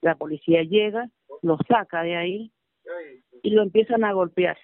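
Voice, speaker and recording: A woman's voice: on the low side, normal speed. A middle-aged woman calling in, recounting events in an anguished, pleading way. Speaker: caller recounting her son's arrest. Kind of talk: phone-in testimony. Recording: tinny phone line on radio.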